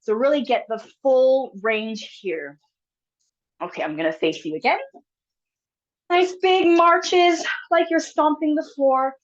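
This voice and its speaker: A sniffly exercise instructor with a cold leads a live online fitness class from a room at home over a video call. She has a high voice, speaks slowly, and the sound is lo-fi. She's friendly, encouraging and chatty, with plenty of fillers.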